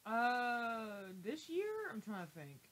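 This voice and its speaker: A young adult woman co-hosting a livestream in casual chat, animated and jokey, with dramatic outbursts. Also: a little high, slow, poor audio. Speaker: livestream co-host. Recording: faint hiss.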